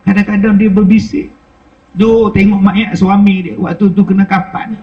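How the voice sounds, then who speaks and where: A man's voice: high-pitched, level tone, moderate pace, a little mellow, muffled recording. A middle-aged man, preaching a sermon with rhetorical questions and repeated phrases. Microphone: wireless lapel mic.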